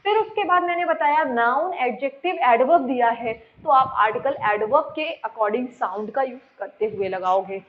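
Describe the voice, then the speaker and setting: A woman's voice: high-pitched, animated, moderate pace, hardly any pauses, slight background noise. A woman teacher explaining grammar in a lesson, repeating points and quizzing her students with questions. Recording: dull lo-fi sound.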